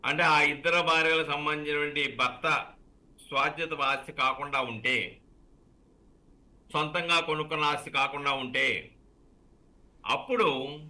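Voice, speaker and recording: Bright-voiced lawyer explaining law. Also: male voice, fairly high pitch. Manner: explanatory, measured. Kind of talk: legal advice on a call-in show.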